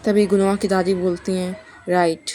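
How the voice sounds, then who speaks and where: Woman, casual recap narration, matter-of-fact, dark tone, faint hiss behind. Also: mid-range voice, level tone, normal speed.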